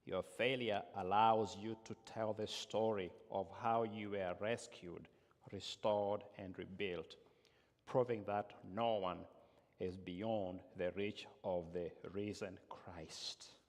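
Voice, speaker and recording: A man preaching a sermon slowly and emphatically, with sudden swings in loudness, often speaking in the first person as a biblical figure. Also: on the low side, steady tone. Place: church. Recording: long reverb of a large hall.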